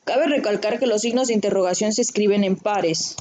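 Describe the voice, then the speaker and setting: A woman's voice: medium pitch, a little fast, background noise. A woman teaching a writing class, explaining patiently and often checking in with her students. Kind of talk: recorded online class.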